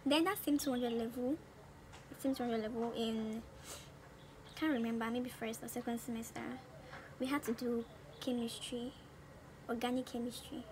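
This twenty-something woman speaks with a Nigerian accent and a slightly high voice, keeping a moderate pace, fairly even intonation and frequent pauses. She's a beauty vlogger chatting casually and animatedly over a makeup tutorial from a small room at home. Noticeable background noise runs under the recording.

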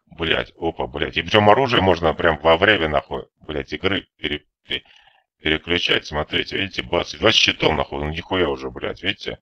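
A very deep, sharp voice speaks briskly in a dry, lo-fi recording. The man is a gameplay commentator doing profane let's-play commentary, rambling, irritated, ranting, and swearing constantly as he plays.

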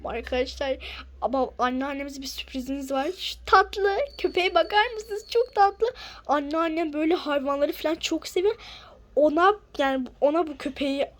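A woman narrating a toy-play story to viewers as the eldest sibling, excited and chatty. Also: high-pitched, normal speed. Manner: excited, addresses viewers as friends.

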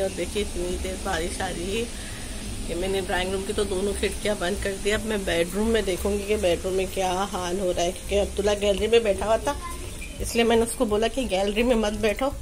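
Her voice medium in pitch, a woman in her thirties with a sore throat gives a chatty, laugh-filled home vlog, addressing viewers while filming her apartment by a window on a handheld phone. It's raining outside, and the phone audio picks up loud rain noise.

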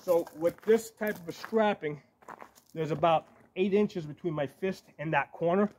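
A man in his forties, with a somewhat high, darkish voice at a moderate pace, casually demonstrates shields to camera as a medieval combat fighter, explaining step by step and often asking "right?" or "okay?". He stands on a gravel yard beside woods. The camera is a few metres away, and the outdoor audio is noisy.

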